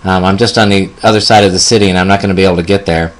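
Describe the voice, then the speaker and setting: A man voicing a fellow male nurse who talks in a brisk, casual way. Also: low-pitched, fairly even intonation, natural voice. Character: hurried male nurse colleague on the phone.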